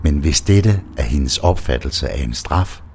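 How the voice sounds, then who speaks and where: A man calmly reading a first-person erotic audio story in a measured way. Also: extremely low pitch, a little hiss or hum. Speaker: narrator.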